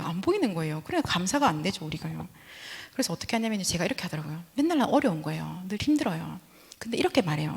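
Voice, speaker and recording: A woman preaching a sermon with a lively, swooping pitch and a slightly husky tone. She often slides into soft, whispered asides. Her voice carries a long reverb, as in a church sanctuary.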